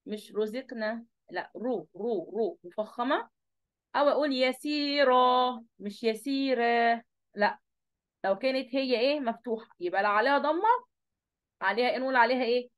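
High-voiced Egyptian teacher woman. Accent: Egyptian Arabic. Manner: asks questions and answers them herself. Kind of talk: online review lesson.

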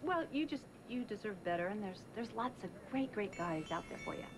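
Actress playing a gushing, chatty friend. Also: female voice, medium pitch, animated, fairly quick, natural voice. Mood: bubbly. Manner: gushing, emphatic, stammering restarts. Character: bubbly, chatty woman friend, warm and motherly. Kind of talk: soap opera acting. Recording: noisy lo-fi TV tape.

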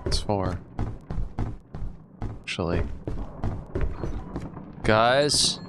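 A man's voice: lowish voice, lively intonation, drawn-out words, loud music behind the voice. A man streaming a video game, talking through the chaos in a casual, swearing, exasperated play-by-play. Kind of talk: casual gameplay chat.

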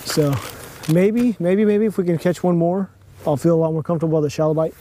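A young man, chatting excitedly from a bass boat on a lake while he fishes and films himself on an action camera. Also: fairly quick. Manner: excitable, chatty, lots of exclamations. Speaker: fishing vlogger. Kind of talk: casual outdoor chat while fishing. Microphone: action camera mounted on the boat.

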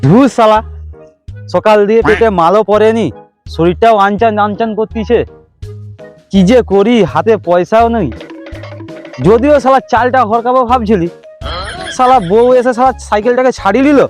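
A man's voice: high voice, moderate pace, pauses often, faint music behind, natural voice. A man playing a scheming, belligerent drunkard husband in a village comedy skit, cursing and grumbling.

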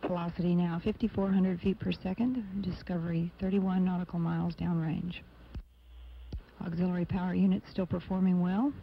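A man giving live technical flight commentary as a mission control announcer, formal and measured. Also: sits high, little pitch movement, gravelly. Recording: dull lo-fi broadcast, faint noise.

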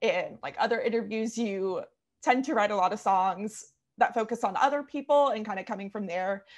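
A woman's voice: medium pitch, moderate pace. Chatty young woman interviewer on a call. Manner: friendly, chatty, giggly, questions with fillers. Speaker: interviewer, music magazine editor. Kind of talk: casual video-call interview. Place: small room indoors. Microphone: video call, over-ear headphones.

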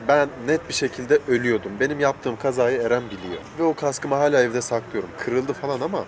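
A man's voice: mid-range voice, brisk. A man hosting a casual chat interview, talking in a joking, teasing way. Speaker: host interviewer. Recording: clear outdoor traffic and vehicle noise. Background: urban outdoor ambience with vehicles.

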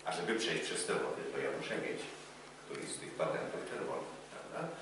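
A man's voice: extremely low pitch, animated, a little fast, gravelly, background noise. A middle-aged man gives a lecture on sailing qualifications in front of a projection screen, with many hesitation fillers. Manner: talks with many fillers, gesturing and pointing at the screen. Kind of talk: lecture with slides. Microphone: far camera, no visible mic. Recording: echoey lecture room from far off.

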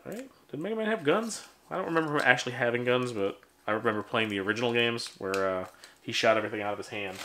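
A man's voice: mid-range voice, a bit bright. A man in his thirties casually talking through a box of vintage toys as host of his collecting channel, rambling and joking at his own expense with lots of ums. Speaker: toy collector vlogger. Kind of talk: casual unboxing chat. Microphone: handheld camera, then on a tripod. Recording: faint background noise.

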